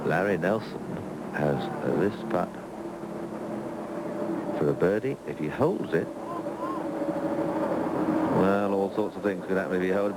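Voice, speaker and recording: Male golf commentator, lower register, given to repeated exclamations, over heavy broadcast noise. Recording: noisy outdoor broadcast, vehicle-like rumble.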